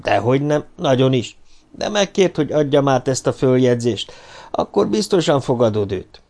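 A man's voice: mid-range voice, sing-song, a little mellow, pitched above the performer's own voice. A man voicing a loyal, aging male assistant who answers deferentially, in an audiobook reading. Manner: deferential, explaining.

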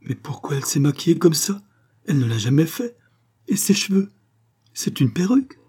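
A grief-stricken mother, as a male narrator puts her on cries out in a high, strained voice. Her lines climb well above the reader's own pitch and press loud. It is a storybook reading with raw lament. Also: very animated, moderate pace, slightly rough, full character voice. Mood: bewildered.

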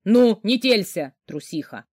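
A woman voicing a gruff, burly male boss who barks rude commands and swears. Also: high voice, sing-song, measured pace, darkish tone, dry recording, clean studio sound, heavily acted. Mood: gruff angry.

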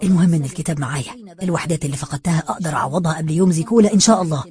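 A reader voicing an angry young man with an Egyptian accent who holds his temper and talks fast and tensely. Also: mid-range voice, darkish tone, close to an everyday voice. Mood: brooding. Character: young man, angry yet holding back.

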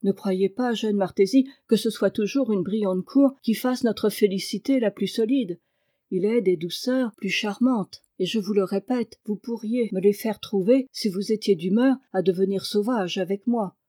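A woman voicing a gentle cursed prince who lives as a wild boar, in an earnest, pleading manner. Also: medium pitch, normal speed, close to an everyday voice. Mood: resigned. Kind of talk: read-aloud fairy tale.

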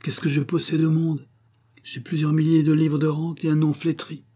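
A man's voice: a little high, monotone, moderate pace, mellow, husky, pitched above the performer's own voice. A man voicing a proud, wounded young aristocratic widow who speaks in a pleading, bitter way. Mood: bitter, wistful.

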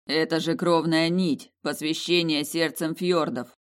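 A woman voicing a young wounded male mage who talks slowly and sounds dazed. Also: sits low, fairly even intonation. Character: young dark mage husband, wounded and bewildered.

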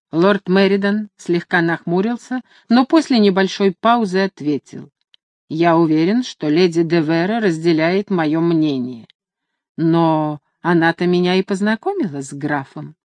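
Female audiobook narrator, low register, dry booth sound, steady storytelling. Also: no room sound. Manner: steady storytelling with quoted dialogue. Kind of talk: scripted narration.

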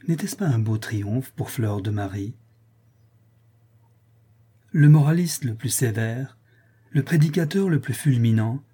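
A man reading a classic novel aloud in a measured, solemn manner. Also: medium pitch, warm tone, breathy edge. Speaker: narrator.

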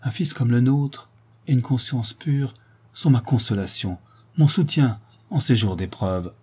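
A man reading an audiobook, voicing a dignified duke who speaks in a tired, grave and measured way. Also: medium pitch, mellow, husky. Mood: weary. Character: weary, dignified older duke, a father.

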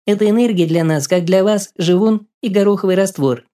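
An eerie mutant infant speaks in a thin, piping squeak, far above normal speech, and stays flat and detached as a man voices it. The tone is mellow and soft-edged. Its short lines sound cold and distant. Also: brisk, natural voice. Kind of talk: audiobook character voice.

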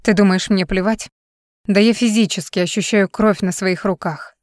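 A woman's voice: mid-range voice, fairly even intonation, normal speed, dry recording, clean studio sound, natural voice. A woman reading the part of a tearful young woman worn out by lies in an audiobook. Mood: distraught. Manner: emotional, pleading.

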